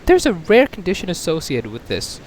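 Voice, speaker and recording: A woman voicing a brisk, upbeat family doctor in a homemade animated drama, explaining in a bright, sing-song way. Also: fairly low pitch, a little hiss or hum, pitched below the performer's own voice. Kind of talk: amateur machinima voice acting.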